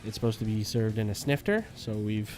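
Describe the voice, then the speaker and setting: A man's voice: on the low side, expressive, a little fast, darkish tone, soft background music. A man hosting a casual beer-tasting show, joking with his friend and reading out brewery facts. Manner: jokey, wordplay-loving, reads beer facts. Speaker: host. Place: home room with a new backdrop.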